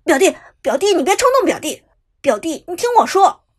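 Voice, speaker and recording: A woman voicing an easygoing young man who talks calmly and tries to placate. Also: very high voice, a little fast, voice pushed up. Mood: placating. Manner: calm, placating.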